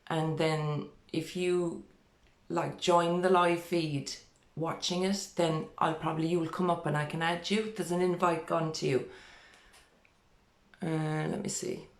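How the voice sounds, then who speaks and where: A woman's voice: low-pitched, flat delivery, unhurried, reverberant. A middle-aged woman hosting a casual live-stream interview, chatty with many fillers and restarts. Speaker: host. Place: small room indoors.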